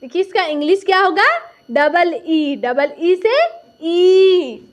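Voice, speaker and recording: A woman's voice: very high voice, measured pace, muffled recording. A woman teaching a recorded lesson, patiently repeating each point and asking and answering her own questions.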